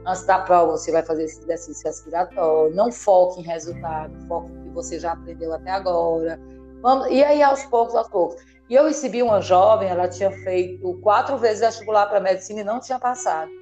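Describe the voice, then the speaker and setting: A woman's voice: fairly low pitch, fast, few pauses. A woman from Brazil, a therapist, explaining emphatically in an interview and checking that her listener follows. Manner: animated, emphatic, asks listener "entendeu?" often. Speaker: therapist guest. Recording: faint background music.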